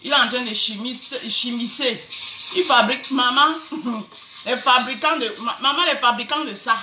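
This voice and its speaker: A woman's voice: fairly high pitch, moderate pace, pushed and bright. A woman with a Cameroonian accent hosting a casual live stream, greeting viewers and mocking people with sarcastic, stammering repeats. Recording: echoey room, faint background noise.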